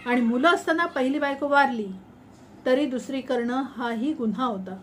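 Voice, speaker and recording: High-voiced woman reading a story. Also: slight background noise. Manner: measured, reflective, expressive reading. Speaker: story reader. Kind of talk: reading a sci-fi short story aloud.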